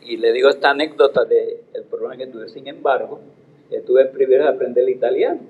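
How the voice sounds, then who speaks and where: A man's voice: mid-range voice, fast, reverberant, phone-quality sound. Theatrical older Puerto Rican man storytelling. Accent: Puerto Rican Spanish. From Puerto Rico. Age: 80s. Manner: theatrical, declaiming with expressive intonation. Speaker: storyteller and retired theater teacher. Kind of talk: anecdotal storytelling performance with recited poetry.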